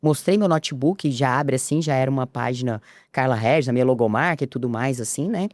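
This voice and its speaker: A woman's voice: fairly quick, a little mellow, no echo, clean studio sound. A woman, a podcast guest telling a personal story and acting out the dialogue. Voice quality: low voice. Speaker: interview guest.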